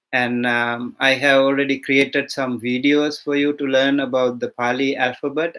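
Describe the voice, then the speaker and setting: A Sri Lankan man, a monk, gives an online language lesson for beginners in a Sri Lankan accent. He speaks unhurriedly, with lots of fillers and restarts. His voice sits at a medium pitch and sounds slightly bright.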